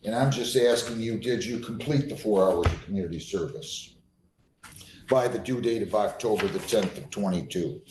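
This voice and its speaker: A man's voice: lowish voice, normal speed. American male judge in an echoey courtroom. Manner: procedural, firm, plainly questioning. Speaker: judge presiding over hearings. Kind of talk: formal courtroom procedure, speaking in a courtroom. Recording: echoey room with faint background noise.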